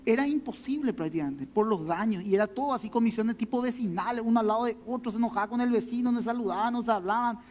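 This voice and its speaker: A man with a Paraguayan Spanish accent preaches in a very high-pitched, darkish voice, talking quickly with hardly any pauses. As a pastor in a church sanctuary, he delivers a conversational sermon rich in personal stories, repeats his words and addresses listeners directly. The audio has long hall reverb and faint music.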